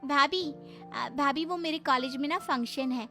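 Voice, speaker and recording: Woman playing a sweet college girl, pleading and girly, high voice. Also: moderate pace, sharp tone, soft background music. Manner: pleading, girlish. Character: sweet young sister-in-law, college student.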